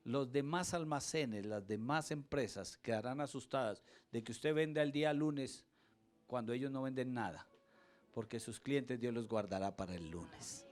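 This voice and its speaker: A man preaching a sermon as pastor, telling stories with loud exclamations and soft asides. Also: mid-range voice, moderate pace. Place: church.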